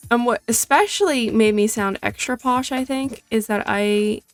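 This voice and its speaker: A young woman rambling casually through gaming commentary, chatty and full of tangents, enunciating clearly. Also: fairly high pitch, normal speed, no echo, soft background music. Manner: chatty, tangent-prone, self-deprecating. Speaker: gaming streamer.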